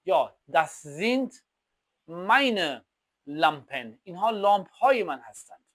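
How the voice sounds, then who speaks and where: A man whose first language is Persian teaches German at a fairly high pitch that swings widely. He slows to a crawl on each example phrase and repeats it like a drill. The sound is dry and close, with no room echo. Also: a bit bright. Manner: slow, drawn-out German example phrases between quick explanations. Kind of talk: language lesson explaining examples.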